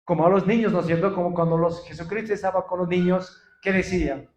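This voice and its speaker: High-voiced preaching man, echoey church. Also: fairly even intonation, fast talker, a little mellow, highs cut off. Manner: emphatic preaching, often addresses the congregation as brothers; asks questions and answers them himself. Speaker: pastor. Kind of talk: sermon.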